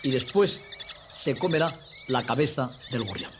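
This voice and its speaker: A man's voice: mid-range voice, sing-song, unhurried, background noise. A man narrating a nature documentary in an emphatic, didactic, scripted way, addressing viewers as friends.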